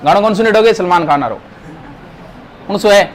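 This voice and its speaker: A man's voice: sits high, expressive, normal speed. A male teacher, giving a grammar lesson to a class, asking questions and stressing words.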